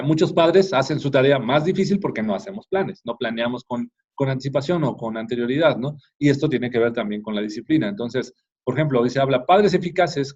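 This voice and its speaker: A man's voice: mid-range voice, darkish tone. A middle-aged man giving an informal talk to parents, often ending phrases with a questioning tag and restarting. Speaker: parenting course speaker. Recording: dull lo-fi recording.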